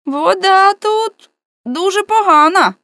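A woman doing a squeaky, panicky skinny policeman. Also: lively intonation, slow pace, sharp tone, dry recording, heavily acted. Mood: whiny bargaining. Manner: high, pleading and haggling. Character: frightened skinny young policeman, bargaining and whiny.

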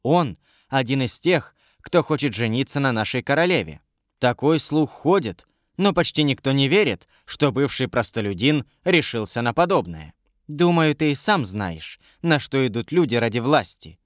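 A man's voice: mid-range voice, big pitch swings, normal speed, no room sound, clean studio sound, natural voice. A man voicing an anxious young maid. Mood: worried. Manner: hushed, earnest warnings. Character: young woman servant, anxious and earnest. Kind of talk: audiobook character reading.

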